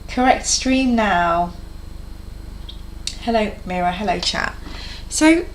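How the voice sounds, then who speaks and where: A woman's voice: medium pitch, very slow, slight background noise. A woman hosting her channel on a livestream headset mic, chatting casually and greeting viewers. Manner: chatty, greets viewers and reads chat aloud. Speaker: YouTube channel host.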